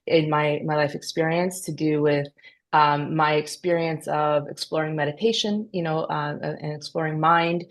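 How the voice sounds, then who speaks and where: A woman's voice: sits low, steady tone, normal speed. A woman who grew up in Canada after being born in Peru, a company founder speaking thoughtfully as a podcast guest. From Peru, raised in Canada. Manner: thoughtful, earnest. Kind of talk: conversational interview.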